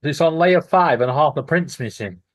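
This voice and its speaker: A man's voice: a little high, expressive, moderate pace, no echo. A man hosting a live stream, chatting casually with wry banter and the odd swear.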